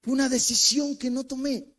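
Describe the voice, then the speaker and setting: A man with a Mexican accent, a co-pastor preaching in church, who tells a personal story with animated swings between loud and hushed speech and acts out the voices in it. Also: very high voice, moderate pace. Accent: Mexican Spanish.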